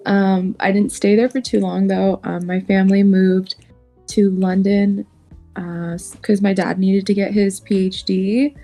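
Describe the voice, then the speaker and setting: A woman born in China, a podcast guest, speaking softly with hesitations and easy laughs. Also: medium pitch, flat delivery, measured pace, soft background music. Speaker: podcast guest, esports player. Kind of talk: casual chat.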